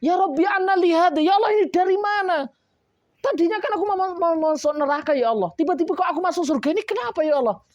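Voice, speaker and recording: A man's voice: fast talker, a little mellow, dry recording. A man preaching puts on the voice of an elderly parent, astonished and pleading at being raised to heaven. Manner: high-pitched, pleading, astonished.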